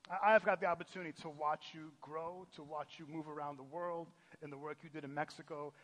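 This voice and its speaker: A pastor hosting a lively church service, joking and energetic, often tripping over restarts. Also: male voice, on the high side, fast talker. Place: church sanctuary.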